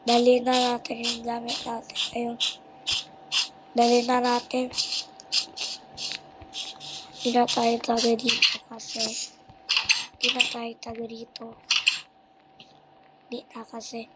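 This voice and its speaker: This is a child with a Filipino accent playing a game, chatting casually, role-playing and repeating brief phrases to themself. Their mid-range voice sounds muffled in a very noisy home recording with clicks.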